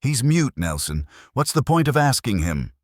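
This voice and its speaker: A man voicing a gruff, snappy army sergeant who grumbles, in a dark fantasy audio story. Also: low-pitched, animated, measured pace, no room sound, clean studio sound, heavily acted. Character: gruff male sergeant, grumbling, swamp guide.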